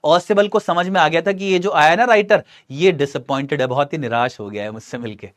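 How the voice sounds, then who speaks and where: Man reading and explaining a story in lessons. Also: a little high. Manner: reads English text slowly, then explains briskly in Hindi. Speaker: English teacher.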